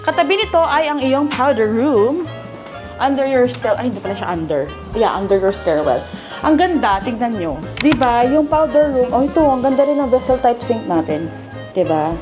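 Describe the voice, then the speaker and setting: A woman's voice: a little high, sing-song, normal speed, music in the background. Chatty Filipino woman giving a house tour. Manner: chatty, enthusiastic, code-switching, exclaims often. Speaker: property tour host.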